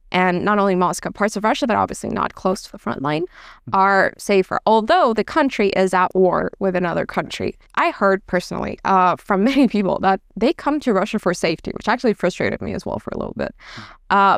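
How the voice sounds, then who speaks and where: A woman's voice: mid-range voice, gravelly, no room sound, studio quality. A woman interviewer asking questions hesitantly, with fillers as she builds up to each question.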